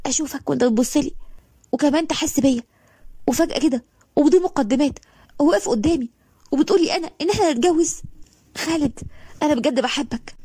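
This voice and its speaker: A woman's voice: high-pitched, fast talker, long pauses, dark tone, dry recording, pitched above the performer's own voice, close to an everyday voice. Woman voicing a gushing, tearful young woman. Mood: overwhelmed. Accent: Egyptian Arabic. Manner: breathless, gushing, repeats herself.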